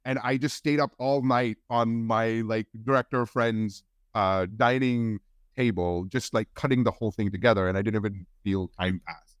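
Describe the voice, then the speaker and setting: A man in his forties from India, a guest on a podcast, telling his story in a relaxed, rambling way with many restarts. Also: on the low side, normal speed, dry recording, clean studio sound. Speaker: guest film editor. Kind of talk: casual podcast interview.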